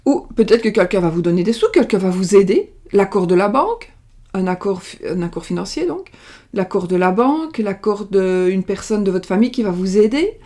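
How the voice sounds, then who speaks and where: With a warm, animated, mid-range voice at a moderate pace, a middle-aged woman from France reads tarot cards on a casual livestream. Her talk meanders, full of fillers and false starts, and the sound comes from a webcam or desk mic, video-call style.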